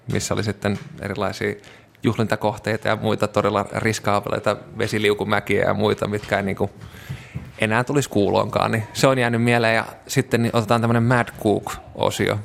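Finnish male interview guest, low gravelly voice, easygoing rambling delivery, faint noise underneath. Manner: relaxed storytelling with frequent fillers. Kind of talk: casual interview chat.

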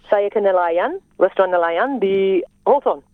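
A woman's voice: mid-range voice, animated, unhurried, no room sound. A middle-aged Australian woman, a native English speaker, answering interview questions in Indonesian as a foreigner, in simple careful phrases with the odd English word. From South Australia. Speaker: Indonesian language teacher and interview guest. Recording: tinny narrow-band phone line.

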